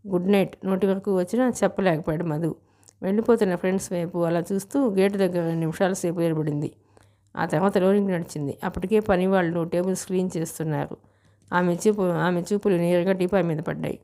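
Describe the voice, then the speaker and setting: Audiobook narrator: woman, low and mellow, steady measured reading. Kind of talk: novel narration.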